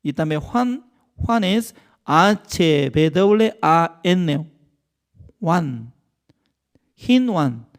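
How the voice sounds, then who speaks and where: Un pastor con acento coreano, de lengua materna coreana, que enseña un estudio bíblico con énfasis y preguntas retóricas. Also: male voice, fairly high pitch, sing-song, very slow, pauses often, clean tone. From Korea. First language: Korean. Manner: emphatic, with rhetorical questions and non-native grammar. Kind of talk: Bible study teaching.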